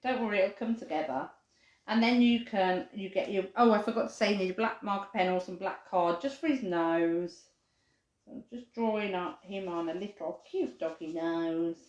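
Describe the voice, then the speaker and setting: A woman's voice: medium pitch, moderate pace, darkish tone, roomy sound, muffled recording. A woman in her forties, a playgroup leader, showing a children's craft and reading a storybook aloud in a playful, giggly way.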